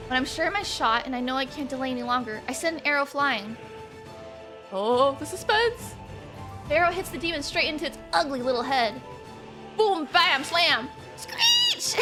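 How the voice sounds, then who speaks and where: A young woman streaming a game, reading the story text aloud and chatting between lines in a bubbly way. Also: high-pitched. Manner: bubbly and chatty, laughing often. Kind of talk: live-stream playthrough, reading visual novel text aloud.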